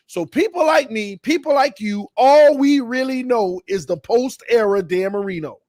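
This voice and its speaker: A man's voice: very high voice, no room sound, clean studio sound. Fired-up man in his thirties ranting. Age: 30s. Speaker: fan channel host. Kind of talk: sports fan talk show.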